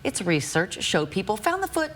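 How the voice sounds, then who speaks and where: A woman's voice: mid-range voice, very animated, moderate pace, a bit bright, slight background noise. A woman anchoring a morning newscast, reading news and chatting casually with a co-host.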